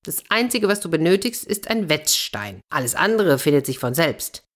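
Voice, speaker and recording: A cheerful, boastful scissor grinder in a storybook, coaxing and chummy, as a woman reader puts him on. The voice sits a bit above her own low register, with a slow, drawn-out delivery. He talks like a salesman closing a trade. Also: big pitch swings. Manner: jovial, coaxing. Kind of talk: children's fairy tale reading.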